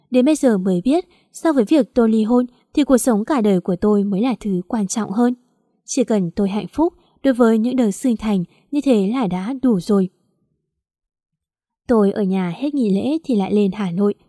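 Calm young woman. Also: mid-range voice, dry recording, studio quality. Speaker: audiobook narrator. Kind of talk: first-person story narration.

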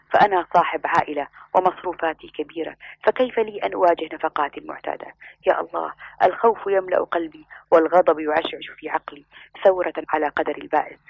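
A man's voice: fairly high pitch, fairly even intonation, quick pace, creaky, breathy edge, no room sound. A man voicing a panicked, bitter male merchant who is out of breath and complaining. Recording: muffled lo-fi recording.

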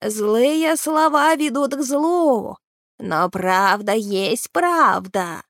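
A shrill wailing shaggy creature. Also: female voice, expressive, a bit bright, no echo, studio quality, full character voice. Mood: eerie. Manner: slow, high, wailing and hissing.

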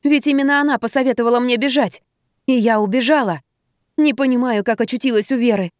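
A woman reading an audiobook, voicing a frightened, timid female friend who pleads softly over the phone. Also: a little high, fast talker, no room sound, clean studio sound, voice pushed up, natural voice. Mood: pleading.

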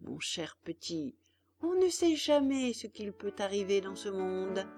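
Woman reading as a patient old father, gentle and lecturing, slow storybook pace. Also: medium pitch, very animated, music in the background.

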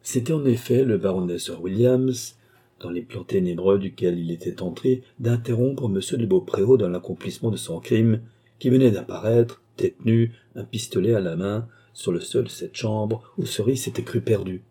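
A man narrating a classic novel as an audiobook, in a measured, dramatic reading. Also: lowish voice, dark tone, husky.

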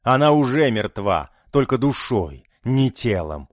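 A man's voice: mid-range voice, sing-song, a little slow, dry recording, studio quality. A man voicing a harsh fanatical mother, scolding. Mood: contemptuous. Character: harsh fanatical religious middle-aged mother. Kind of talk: audiobook character voice.

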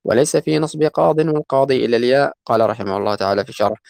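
A man reciting a classical grammar text in a lesson at a brisk, rushing pace, his voice gravelly with fry. He slows to chant the quoted verses. The sound is close and dry, with no room echo. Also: medium pitch, darkish tone. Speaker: student reading a grammar text aloud.

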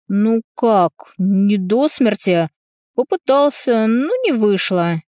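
An awkward young brother who blurts out bad news in a sheepish, offhand tone, as a woman narrator puts him on. The voice is pushed a little higher and brighter than hers, recorded dry and close. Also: expressive, takes it slowly, no room sound.

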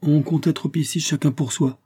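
A man's voice: a little high, fairly even intonation, normal speed, mellow, slightly rough, voice pushed up. A man reading aloud voices a proud old queen mother who speaks in a haughty, reproachful way.

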